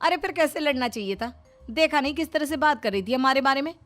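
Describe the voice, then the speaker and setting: A woman voicing a loud, bossy, youthful mother-in-law in a cartoon story who scolds and snaps quickly. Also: lively intonation, soft background music. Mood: angry scolding. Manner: shrill, scolding, quick-tempered.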